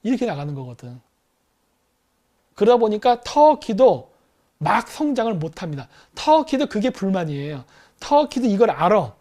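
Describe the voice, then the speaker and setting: Middle-aged male host, high-pitched voice, lively commentary lecture, plays out dialogues. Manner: animated, acts out quoted exchanges between countries.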